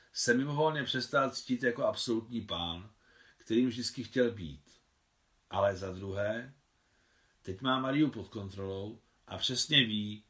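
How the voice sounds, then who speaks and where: A man calmly narrating a novel in a measured audiobook reading, as the translator of the text. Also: fairly low pitch.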